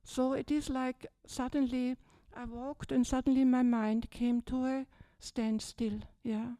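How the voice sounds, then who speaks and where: In a personal retreat talk, an older Buddhist nun from Austria, speaking with an Austrian German accent, addresses her group from a low stage in a large, dim hall. Her voice is fairly high, soft, and mellow, with little pitch movement and a somewhat slow pace, and she keeps asking "yeah?" in a chatty way. She holds a handheld mic, giving dry, close sound with no room tone.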